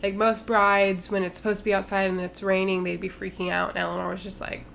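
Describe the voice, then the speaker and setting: A woman's voice: mid-range voice, little pitch movement, fast, vocal fry, fairly bright tone, slight background noise. A woman in her twenties, co-hosting a podcast in casual chat, talking with plenty of fillers and "like". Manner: chatty, lots of fillers and "like". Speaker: podcast co-host.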